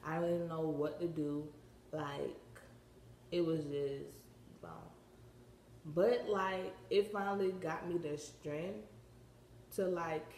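A woman's voice: lowish voice, roomy sound, slight background noise. Chatty teenage girl with a retainer. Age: teens. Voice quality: slight lisp from a retainer. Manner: rambling, slangy, many filler words. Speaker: vlogger. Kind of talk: casual vlog chat.

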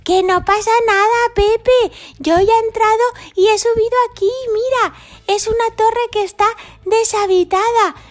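A woman plays a bold, cheerful toy dinosaur in a children's storybook tale, high and bouncy. He talks eagerly and waves off every worry. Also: fairly even intonation, a little slow. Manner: eager, carefree.

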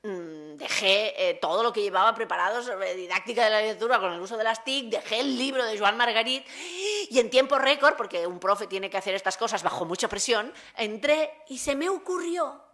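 A woman's voice: mid-range voice, lively intonation, moderate pace, fairly bright tone. A woman researcher giving a conference talk, retelling a short film vividly and acting out its dialogue.

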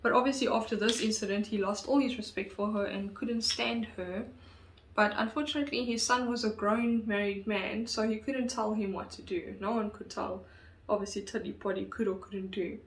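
A woman's voice: medium pitch, steady tone, normal speed. Chatty woman, roomy sound. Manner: chatty, lots of fillers and asides. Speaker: true crime vlogger. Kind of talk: casual storytelling. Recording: roomy echo.

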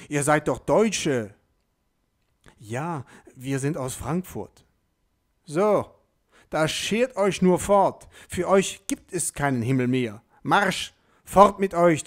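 A man voicing a gruff elderly male gatekeeper saint who barks orders loudly, with a lilt. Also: a little high, a little slow, natural voice. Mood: scornful. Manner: loud, barking orders.

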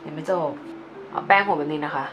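A young woman with a low voice talks her way through an everyday makeup tutorial. She is chatty and playful, explaining each step as she goes. Music plays clearly behind her. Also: a little fast. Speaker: beauty vlogger. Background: background music.

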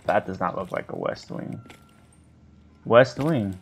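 A man's voice: fairly low pitch, lively intonation, slow, a little hiss or hum. A man in his thirties giving casual, reactive commentary as a game streamer on a headset. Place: small indoor room. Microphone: headset at a desk. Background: faint game music.

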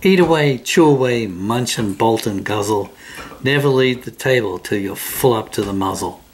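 An older man voicing a rude, bossy magic pudding that shouts rhyming outbursts. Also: medium pitch, normal speed, natural voice.

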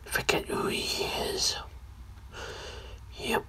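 A man voicing a sinister, creepy hoodie man in a homemade video skit, speaking in a hushed whisper. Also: drawn-out words.

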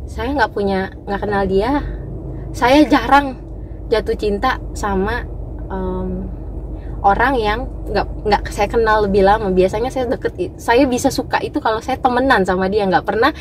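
A young adult woman giving a personal church testimony. She tells it as a lively story, with many fillers and restarts, and turns to the audience directly. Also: mid-range voice, a little slow, a little hiss or hum. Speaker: testimony speaker.

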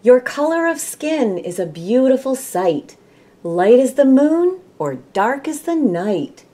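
A middle-aged woman from Michigan, with an American Midwestern accent, volunteers as a storybook reader and reads aloud to children. Her high, sing-song voice is warm and slow, full of expressive storyteller flair. She's recording indoors in a small room at home.

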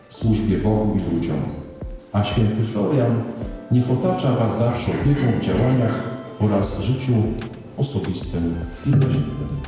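Male priest, measured homily delivery, long hall reverb under clear music. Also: fairly low pitch, mellow. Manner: measured, solemn, with deliberate pauses.

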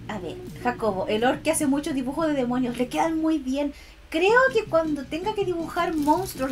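A woman with a Chilean accent chatting casually on a livestream to her viewers, expressive and affectionate in a cutesy, girlish e-girl manner. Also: high voice. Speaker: VTuber art streamer. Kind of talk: casual livestream chat, reading and answering viewers' comments. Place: indoors at a computer. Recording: music behind the voice.

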